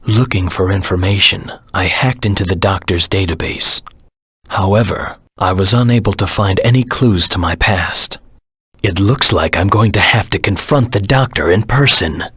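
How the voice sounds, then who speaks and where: A man voicing a brooding, grimly determined hedgehog antihero in a video game, terse and grave, with a gravelly, husky voice. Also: deep voice, normal speed, a bit bright, dry recording, studio quality, exaggerated voice. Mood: grim, focused. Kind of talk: dramatic video game voice acting, scripted monologue.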